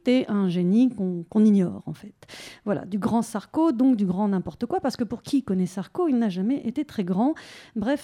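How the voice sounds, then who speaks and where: A woman's voice: fairly high pitch, warm tone. A young woman giving a satirical radio column in a studio, sarcastic and mocking.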